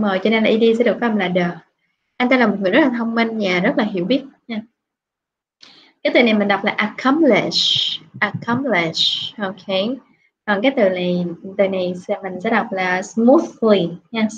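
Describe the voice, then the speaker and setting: A woman's voice: medium pitch, dull audio, slight background noise. A woman English teacher with a Vietnamese accent, correcting a student's speaking and drilling word pronunciation.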